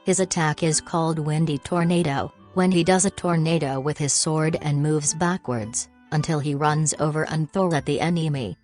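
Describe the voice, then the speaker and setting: A woman's voice: sits low, fairly even intonation, normal speed, few pauses, darkish tone, faint music behind. A woman narrating a fan explainer video in a casual, offhand, self-deprecating way, speaking into a home microphone.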